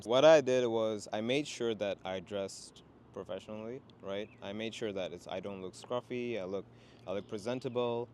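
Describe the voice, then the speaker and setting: A young man from Sri Lanka who grew up in Qatar chats casually about finding work as a student guest, using lots of "you know." His voice sits on the low side with a little hiss or hum. He sounds relaxed and is outdoors in a city with traffic nearby.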